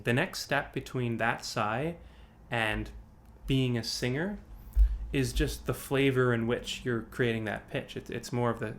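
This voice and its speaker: A man's voice: mid-range voice, a bit bright. Man coaching singers over a video call. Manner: demonstrates sighs and sung examples; loose, rambling, many restarts. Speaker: vocal coach. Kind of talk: online singing workshop.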